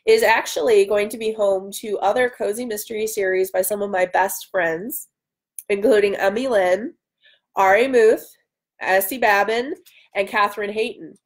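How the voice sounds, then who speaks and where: With a medium-pitched voice, a steady tone and a moderate pace, this woman in her thirties chats eagerly with her livestream audience. She answers their questions with self-deprecating jokes from a room at home beside a window.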